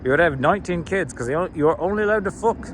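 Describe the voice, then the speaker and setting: A man's voice: on the high side, expressive, fast talker, a little hiss or hum. A man doing profane, rambling stand-up comedy.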